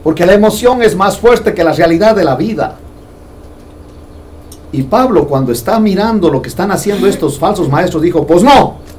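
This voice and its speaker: A man's voice: sits high, lively intonation, moderate pace, a little mellow, recorded from a distance, slight background noise. A man preaching a sermon to a congregation in a conversational way, joking with them as he goes. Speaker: pastor. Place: church hall.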